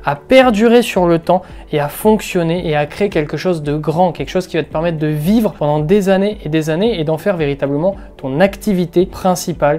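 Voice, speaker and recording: Homme énergique à la voix chaude. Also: male voice, high-pitched. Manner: energetic, emphatic, repeats words for stress, talks straight to the viewer. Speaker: YouTube business coach. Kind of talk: casual motivational advice monologue.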